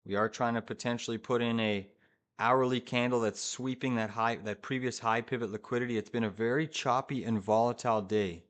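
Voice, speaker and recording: A man's voice: mid-range voice, fairly even intonation, a little fast. A man hosting a live trading stream, giving urgent, hyped commentary to viewers in short repeated phrases. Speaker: live-streaming day trader, host.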